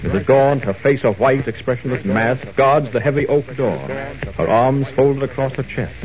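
A man's voice: medium pitch, moderate pace, a crowd in the background. A man narrating a 1940s radio serial in a theatrical, suspenseful style. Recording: muffled old radio broadcast recording.

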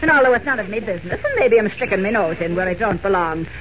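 A woman plays a gossipy Irish landlady in 1940s radio drama. She grumbles bluntly and folksily, nosy and chatty. The audio is muffled with clear background noise. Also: medium pitch, animated, fast, lightly acted. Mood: nosy advice. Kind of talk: 1940s radio serial acting. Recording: muffled, noisy old radio recording.

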